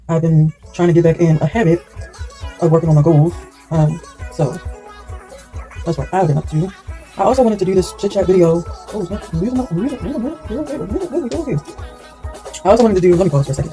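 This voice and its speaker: Chatty woman doing her hair on camera, talks super fast, mellow dark tone, a little music behind. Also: fairly low pitch. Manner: rambling, candid, chatty; talks while working, loses her train of thought. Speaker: hair vlogger. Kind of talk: casual chat while styling hair.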